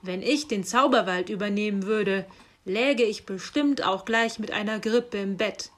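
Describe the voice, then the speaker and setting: A woman's voice: mid-range voice, unhurried, natural voice. A woman reading aloud and voicing a grumpy, stubborn old Saint Nicholas who grumbles. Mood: grumbling. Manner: gruff grumbling delivery.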